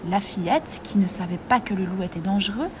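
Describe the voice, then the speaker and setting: A woman narrating a storybook aloud at a middling pitch, steady and expressive. A faint hiss of noise sits in the background. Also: brisk.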